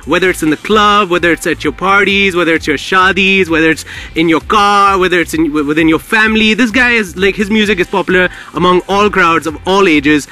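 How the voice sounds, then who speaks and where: A man's voice: high-pitched, brisk, bright, forceful tone, soft background music. A man hosting a live radio interview, effusive and slangy, often repeating words for emphasis. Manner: hype-filled, repetitive, slangy. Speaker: radio show host.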